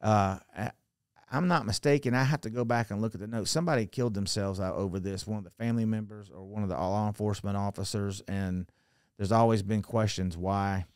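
A middle-aged man telling a story on a podcast in a book-lined study, speaking into a boom mic, animated and given to restarts, his voice dropping quietly at the ends of phrases. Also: brisk, clean tone, dry recording, clean studio sound. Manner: animated, gestures a lot, restarts and trails off quietly. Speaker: podcast guest. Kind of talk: storytelling conversation. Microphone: studio mic on a boom arm.

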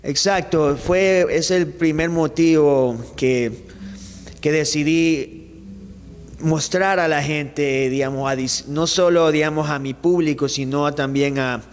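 This young Ecuadorian singer, a young adult, has a fairly high voice and takes it slowly, with a long reverb tail and slight background noise. He's chatting animatedly in a casual interview on a small indoor studio set, using the interviewer's handheld mic, gesturing with his hands and often starting sentences over.

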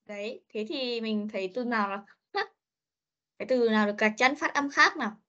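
A woman's voice: a little high, a little fast, pushed and bright. A woman English teacher, giving an online pronunciation lesson and drilling each sound and word several times. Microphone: video call. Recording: muffled online meeting audio.

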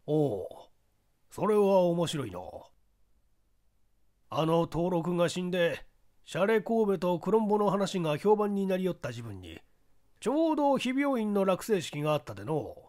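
A man's voice: sits high, big pitch swings, moderate pace, darkish tone, voice pushed up. A man voicing a portly, self-important older police chief who drawls in Kyushu dialect. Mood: boastful.

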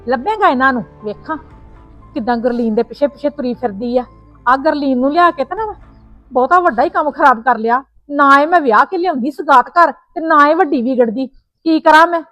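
Scolding high-voiced woman. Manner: scolding, complaining, sharp-tongued. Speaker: actor playing a quarrelsome mother-in-law. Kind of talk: Punjabi family web drama acting.

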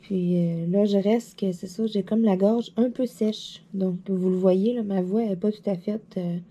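A woman with a Quebec French accent, chatting casually while crafting, a bit hoarse from a dry throat, rambling and laughing often. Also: mid-range voice, steady tone, unhurried, mellow. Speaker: diamond painting vlogger.

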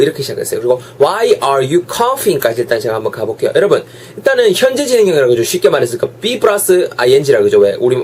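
A young man with a Gyeongsang Korean accent teaching English in a casual online lesson, his throat sore and coughing, chatty and switching to slow drawn-out English examples. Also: on the high side, darkish tone, slightly rough. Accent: Gyeongsang Korean dialect.

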